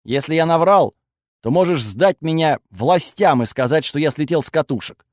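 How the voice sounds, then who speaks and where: Brief: man playing a calm young hero, coaxing, slightly high, dry booth. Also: moderate pace, no echo, natural voice.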